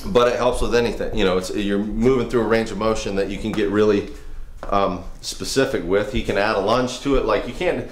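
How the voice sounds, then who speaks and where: A man's voice: lowish voice, brisk, few pauses. A man in his thirties, a firefighter and trainer, giving a casual, earnest workout demo in a home garage, rambling with restarts.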